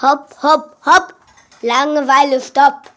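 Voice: sits high, slow, a bit bright, full character voice. A performer playing an eager young schoolboy who talks insistently to his mother in a children's audio drama.

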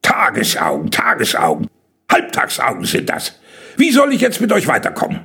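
A man's voice: mid-range voice, wildly swooping pitch, creaky, a bit bright, husky, exaggerated voice. A man voicing a tiny, impatient gnome king from underground who grumbles and scolds. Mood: impatient grumbling. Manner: grumbling, scolding, quick to complain.

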